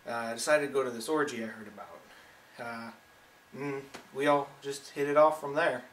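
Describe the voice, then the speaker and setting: Man, twenties, halting "uh"-filled delivery, echoey room, mic set back. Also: medium pitch, fairly bright tone, far from the mic, slight background noise. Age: 20s. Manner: hesitant, full of "uh"s. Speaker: math tutor. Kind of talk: casual self-introduction.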